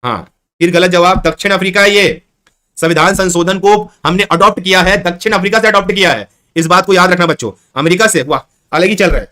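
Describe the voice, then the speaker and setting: A man's voice: high voice, brisk, pushed and bright. A man teaching a live online exam-prep class, repeating questions and coaxing his students to answer. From Chhattisgarh, India.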